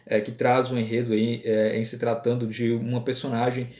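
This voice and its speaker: A man giving an informal lecture, pausing often and tagging his sentences with a questioning "right?". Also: mid-range voice, little pitch movement, darkish tone. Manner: halting, with frequent fillers and "né?" tags. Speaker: teacher. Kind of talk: classroom-style lecture. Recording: roomy echo.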